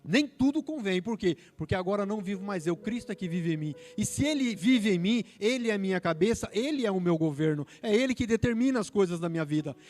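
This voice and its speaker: A man's voice: high voice, lively intonation, quick pace, hardly any pauses, darkish tone. A man in his fifties with a Brazilian Portuguese accent, preaching a fervent sermon that builds to emphatic peaks.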